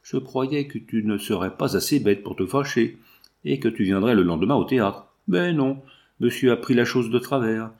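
A man's voice: medium pitch, lively intonation, moderate pace, a little mellow, lightly acted. A man reading aloud, putting on the voice of a bold, cheeky red-haired young showgirl who scolds and teases. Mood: indignant. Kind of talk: audiobook reading.

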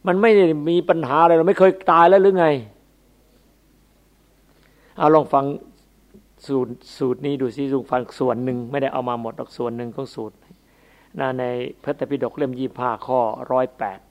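A man's voice: medium pitch, fairly even intonation, a little fast. A man, a Buddhist monk, giving a homely, chatty sermon that breaks into chanted scripture verses.

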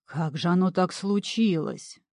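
A woman voicing a fat, bald old male swamp water-devil with a booming bass voice and ceremonious, blustering manner. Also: a little slow, dry recording, studio quality.

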